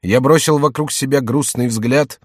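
A man's voice: fairly low pitch, lively intonation, normal speed, a little mellow, dry recording, clean studio sound. A man voicing a pale, anxious prince who declaims in grave, pious tones, in an audiobook reading. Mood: fervent. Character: pale anxious male prince, trembling then rising.

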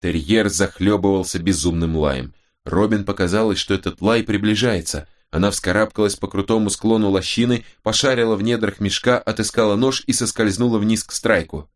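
Deep-voiced male audiobook narrator. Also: brisk, few pauses.

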